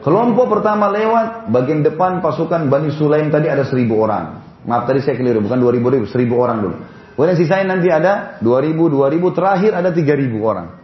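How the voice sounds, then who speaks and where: A man's voice: on the high side, lively intonation, fast. A man telling a religious history story in a lesson, in a casual, conversational way with asides, pointing things out on a board, in a roomy, slightly dull recording. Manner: explains while pointing to a board. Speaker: religious teacher.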